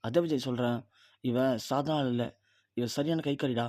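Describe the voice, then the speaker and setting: A man voicing a scheming woman who keeps accusing her younger brother's wife, read in his own mellow voice. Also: mid-range voice, fairly even intonation, moderate pace, dry recording, studio quality, natural voice. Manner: insistent, accusing.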